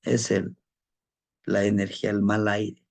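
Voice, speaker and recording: A man's voice: fairly low pitch, monotone, a little slow, creaky. A man telling a personal anecdote in a casual, conversational way, often adding tag questions and repeating words as he searches for them. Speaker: storyteller of spirit lore.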